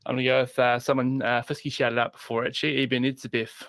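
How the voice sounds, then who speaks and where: Gravelly New man, halting chat. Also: medium pitch, flat delivery, fairly bright tone, no room sound. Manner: hesitant, lots of ums and restarts. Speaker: podcast panelist. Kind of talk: casual sports chat.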